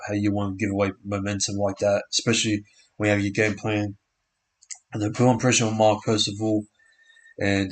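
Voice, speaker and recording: A young man casually commenting on a live match stream, often unsure of players' names and correcting himself. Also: on the low side. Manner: unsure, self-correcting, frequent restarts and fillers.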